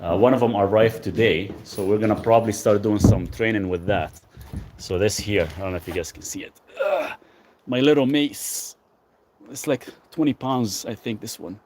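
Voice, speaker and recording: Broadcasting live from his rural home, this Lebanese host casually reads out comments from viewers and responds, rambling along at an easy, normal speed. His voice is on the low side, with some background noise in the recording.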